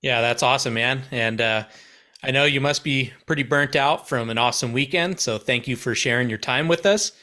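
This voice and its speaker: A man's voice: medium pitch, normal speed, pushed and bright. A man co-hosting a casual podcast, cheerful and thankful. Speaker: podcast co-host.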